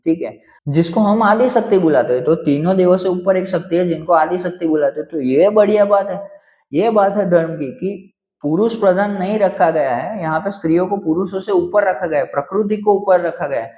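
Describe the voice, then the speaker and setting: A man's voice: high voice, brisk, a little mellow, echoey room. A young man reading religious texts aloud and breaking off to comment on them in a casual, conversational way, often saying "theek hai" between points.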